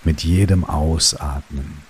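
Very deep, slow male sleep story narrator. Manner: calm, soothing, long pauses between short phrases. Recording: steady rain noise behind the voice. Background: rain.

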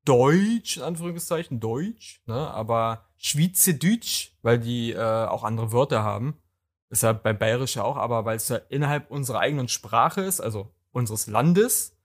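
A man's voice: medium pitch, moderate pace. A man co-hosting a casual podcast, explaining points in a know-it-all way. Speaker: podcast co-host.

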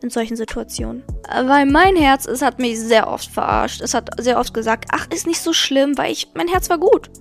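A woman's voice: sits high, moderate pace, gravelly, few pauses, soft background music. A young woman hosting a podcast, candidly telling a personal story and giving blunt advice straight to her listeners. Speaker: podcast host.

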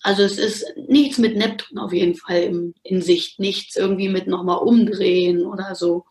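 A woman co-hosting a podcast in casual chat, with a raspy, strained, hoarse voice. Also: medium pitch, steady tone, moderate pace, a little mellow. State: hoarse since the day before. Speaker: podcast co-host, astrologer. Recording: echoey, roomy sound.

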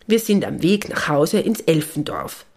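A woman's voice: deep voice, sing-song, measured pace, gravelly, a little mellow, exaggerated voice. A woman voicing a cheerful little female Christmas elf in a children's story. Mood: bright.

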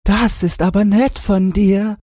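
A man voicing a clever, cheeky little pig in a storybook reading, in a squeaky, high, sing-song falsetto. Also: fairly even intonation, a little slow, mellow, no room sound, clean studio sound.

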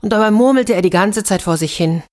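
Lively woman reading a children's fairy tale. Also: medium pitch, quick pace. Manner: expressive, lively storytelling. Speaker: storyteller.

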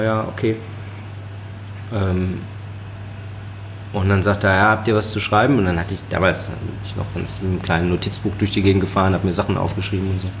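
A chef and sommelier, a man with a Ruhr-area German accent, telling stories in a relaxed podcast conversation, often laughing and using many fillers. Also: lowish voice, slight background noise. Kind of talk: casual podcast interview.

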